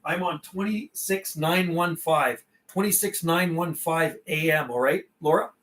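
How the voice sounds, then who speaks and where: Here a Canadian CB operator with a slightly high, fairly bright voice takes his time, chatting casually on live radio and making call-outs. He's friendly and informal, going over call signs and channel numbers more than once.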